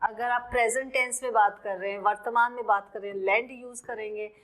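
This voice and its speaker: A woman teaching an English vocabulary lesson with an Indian English accent, switching between Hindi and English and repeating words slowly for pronunciation. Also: on the high side, steady tone, fairly bright tone, rough recording.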